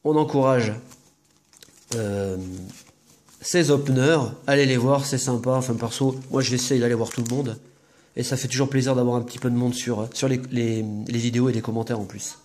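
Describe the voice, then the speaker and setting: A man's voice: mid-range voice, fairly even intonation, normal speed, darkish tone. A man hosting a casual unboxing video, talking to viewers in a chatty, rambling way with jokey asides. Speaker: video host opening trading-card boxes.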